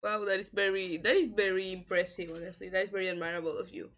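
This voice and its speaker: A woman's voice: medium pitch, fairly even intonation, fast, fairly bright tone. Enthusiastic laughing woman host. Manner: enthusiastic, laughs often, encouraging. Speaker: podcast host. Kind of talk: casual livestream podcast interview.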